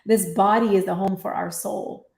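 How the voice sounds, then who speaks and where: A woman's voice: medium pitch, fairly even intonation, normal speed, creaky, darkish tone. A woman teacher co-hosting a live online discussion, explaining ideas in an earnest, conversational way. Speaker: teacher and co-host of a live faith-based discussion. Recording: echoey room on live stream.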